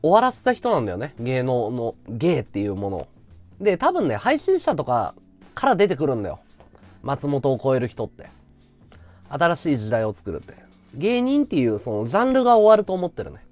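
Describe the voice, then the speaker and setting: A man's voice: on the high side, a little mellow. A man hosting a casual livestream chat, talking freely and thanking viewers for gifts. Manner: chatty, reacts to viewer gifts. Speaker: livestream host.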